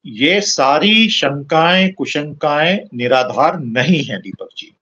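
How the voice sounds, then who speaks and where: A man speaking as a panelist in a political discussion, answering with measured, emphatic agreement. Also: fairly high pitch, lively intonation, pushed and bright, lo-fi sound.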